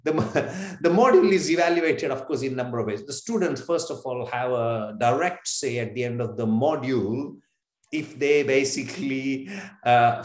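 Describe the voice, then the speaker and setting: A man's voice: mid-range voice, roomy sound. A man, a business school professor, explaining earnestly over a video call webinar. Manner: earnest, explanatory, repeats himself. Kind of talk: webinar Q&A answer.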